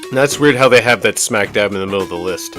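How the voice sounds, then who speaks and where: A man's voice: on the low side, quick pace, over music. A man co-hosting a casual chat about retro games, agreeable and chatty. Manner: agreeable, chatty, frequent short replies. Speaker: co-host.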